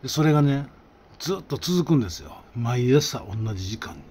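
Kansai man, comic storytelling, lively intonation, conversational. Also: medium pitch, normal speed, slight background noise. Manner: animated, conversational.

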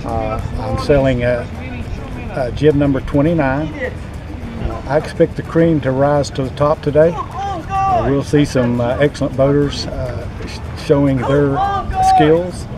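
A man's voice: mid-range voice, expressive, unhurried. An older man, a sailor, speaking confidently with many fillers outdoors. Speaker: racing sailor. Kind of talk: casual interview. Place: sunny outdoor park.

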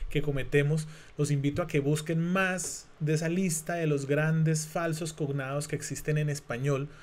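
A man from Latin America, a native Spanish speaker, teaching an English exam lesson in a relaxed, chatty way, thinking aloud with many fillers and restarts. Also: a little high. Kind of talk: casual online lesson.

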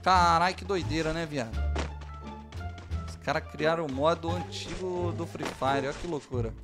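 A young man streaming a shooter game in casual chat, excitable and swearing constantly, shouting at big plays. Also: on the high side, normal speed. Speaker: gaming streamer. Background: game music and gunfire.

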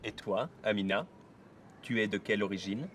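A man's voice: fairly low pitch, moderate pace, fairly bright tone, slight background noise. A young man playing a student in a scripted drama, asking curious questions. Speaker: student in a language-course drama.

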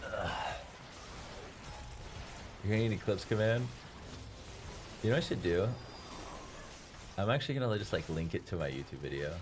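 A young man whose first language is Farsi streams a game through a headset in a small room, joking and poking fun at himself with viewers. His voice is on the low side and animated, at a moderate pace with frequent pauses, against a noisy background with faint game music.

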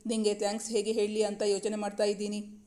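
A woman's voice: medium pitch, monotone, quick pace, dark tone, close to an everyday voice. A woman reading the lines of a playful, affectionate young man who is the hero of a romance story. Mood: teasing. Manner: playful, affectionate, mock-stern.

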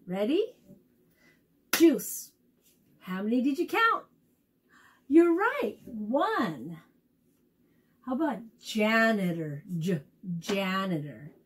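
A woman teaching young children at circle time, speaking in a slow, encouraging, sing-song way as she sounds out letters and claps syllables. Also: fairly high pitch, husky. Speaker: preschool teacher.

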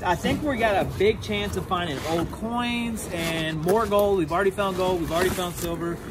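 A man's voice: high voice, moderate pace. A man, chatting casually to camera while unboxing finds outdoors at storage units. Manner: chatty, animated, jokey asides. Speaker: storage unit vlogger. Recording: outdoor recording with clear background noise.

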